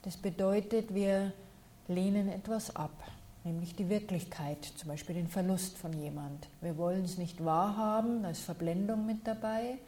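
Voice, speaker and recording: Mellow-voiced woman teaching calmly. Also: medium pitch, moderate pace. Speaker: meditation teacher. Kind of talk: answering questions in a talk.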